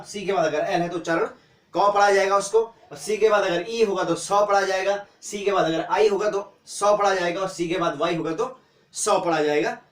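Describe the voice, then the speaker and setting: A man teaching an English pronunciation lesson, spelling out letters slowly and asking and answering his own questions. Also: high-pitched, recorded from a distance. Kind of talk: classroom-style phonics lesson. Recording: echoey room, voice from off-mic.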